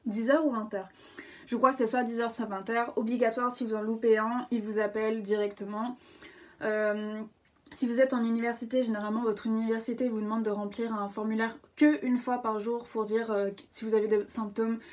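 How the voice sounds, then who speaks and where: A woman's voice: on the high side, little pitch movement, brisk, distant mic. Chatty young Frenchwoman, rambling vlog. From France. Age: 20s. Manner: chatty, rambling, lots of fillers and self-corrections. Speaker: vlogger. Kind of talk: casual explainer vlog.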